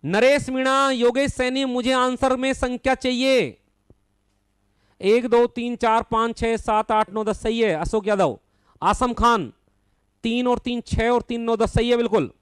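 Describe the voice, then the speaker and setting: A male maths teacher running a live online class, calling on students by name, correcting their answers bluntly but patiently, and counting numbers aloud in a steady rhythm. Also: very high-pitched, measured pace, smooth, dry recording. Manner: calls students by name, affectionately addresses them as son.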